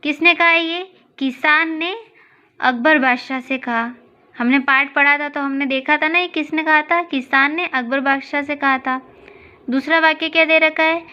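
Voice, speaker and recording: Woman teacher, high voice, slow patient classroom walkthrough, dull lo-fi sound. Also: fairly even intonation, pushed and bright. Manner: slow, patient, asks and answers her own questions. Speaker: school teacher. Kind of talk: recorded class lesson.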